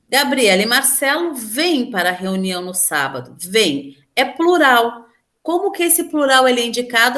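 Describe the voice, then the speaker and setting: A woman's voice: fairly high pitch, fairly bright tone. A woman teacher with a Brazilian Portuguese accent, patiently explaining a grammar lesson step by step and questioning her students. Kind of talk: online class lesson.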